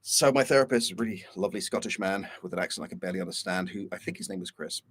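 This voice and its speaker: A man's voice: sits low, very fast, a bit bright, husky. A man on a video call, talking candidly and a little rambling in a casual chat. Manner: candid, rambling, self-deprecating. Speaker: co-host.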